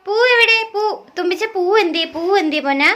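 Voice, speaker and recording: Mom doing super high baby talk, singsongy, keeps asking the same thing again and again. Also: female voice, lively intonation, fairly quick, sharp tone. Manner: sing-song coaxing, repeats questions over and over. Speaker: mother.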